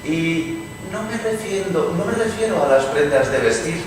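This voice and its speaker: A man's voice: on the high side, expressive, moderate pace, natural voice. Guy acting witty mocking english lord poet, ornate talker, far from mic in echoey room. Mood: mocking, amused. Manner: wry, insinuating, ornate oratory. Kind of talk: dramatized radio theatre reading. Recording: distant, very echoey noisy room.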